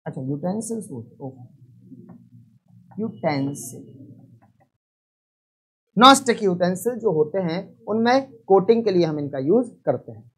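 A man's voice: high voice, animated, brisk, fairly bright tone, breathy edge. A man teaching a live online chemistry lesson, repeating each point and quizzing students.

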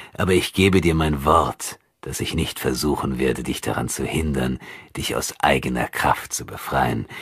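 A man reading an audiobook, voicing a cruel, mocking armored knight who speaks slowly and calmly with a sneer. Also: a bass voice, breathy edge, no room sound, clean studio sound, exaggerated voice. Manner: slow, drawn-out, sneering.

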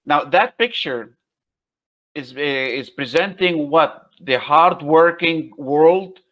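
A man hosting an interview, asking questions in a halting way and repeating words as he goes. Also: fairly high pitch, fairly bright tone. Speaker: host. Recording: dull lo-fi sound.

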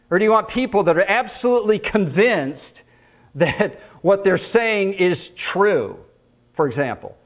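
A man preaching a conversational sermon, quoting scripture, repeating phrases for emphasis and asking the congregation questions. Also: high voice. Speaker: pastor teaching. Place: church.

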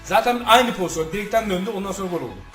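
A man hosting a gaming channel, loudly commentating his own football match and swearing at it. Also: high-pitched, animated, racing, music in the background. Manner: swears loudly and shouts at the game. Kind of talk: live gameplay commentary.

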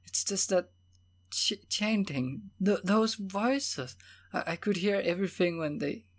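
A man's voice: high-pitched, lively intonation, a little slow, pitched above the performer's own voice, heavily acted. A man reading an audiobook, voicing a frightened young woman who stammers through sobs. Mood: tearful.

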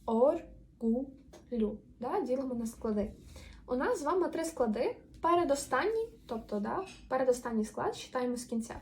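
A woman teaching a language lesson, explaining patiently and drawing out example words slowly. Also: high voice, very animated.

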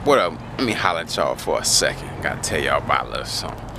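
A young man from South Carolina, telling stories in a casual, animated, slangy way as a vlogger in his car. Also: racing, vocal fry, noisy background. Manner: animated storytelling, slangy, rising pitch when indignant. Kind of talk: casual vlog chat.

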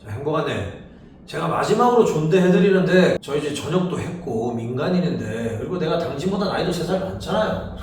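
A man's voice: a little high, very animated, a little fast, a little mellow. A man playing a dutiful but argumentative army conscript in a military comedy skit. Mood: fed up, scornful. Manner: formal military address, indignant talking back. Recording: very echoey, distant mic, faint noise.

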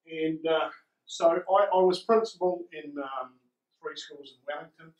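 A man's voice: fairly high pitch, a little slow. An older man with a broad New Zealand accent gives an informal, conversational conference talk with a self-deprecating manner. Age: older, around 60s. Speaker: conference speaker, school principal. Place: indoor conference room, standing before a small audience. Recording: roomy, echoing conference room.

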